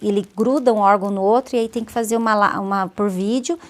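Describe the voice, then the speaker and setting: A woman pastor sharing a personal testimony as a guest in an interview, telling it vividly and acting out what others said in a softer voice. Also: medium pitch, steady tone, fast talker. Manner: vivid storyteller, acts out others' words softly.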